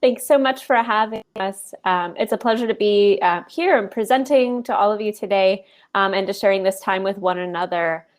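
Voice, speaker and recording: A woman researcher moderating a panel discussion. She speaks in a measured way, with frequent ums. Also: mid-range voice.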